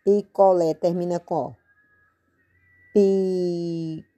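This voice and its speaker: A woman's voice: on the low side, slow, dark tone, soft background music. A Brazilian woman teaching a patient spelling lesson at a board, spelling out and stretching words. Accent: Brazilian Portuguese. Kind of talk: slow spoken-out lesson at a board.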